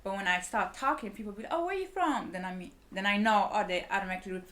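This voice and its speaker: Speaking quickly in a medium-pitched, slightly bright voice, this Liberian-born woman in her twenties, who grew up in Sweden and has a Swedish accent, is a podcast guest. Her talk is casual, rambling and full of fillers.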